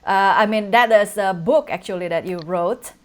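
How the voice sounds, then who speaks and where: Woman host, effusive and eager, mid-pitched everyday voice. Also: normal speed. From Indonesia. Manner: effusive, enthusiastic, hesitant phrasing. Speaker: podcast host. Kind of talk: casual interview conversation.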